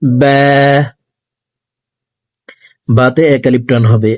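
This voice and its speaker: A man teaching Quran reading in a slow, gentle lesson, saying each letter over and over so viewers can repeat after him. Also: medium pitch, steady tone, no room sound, studio quality.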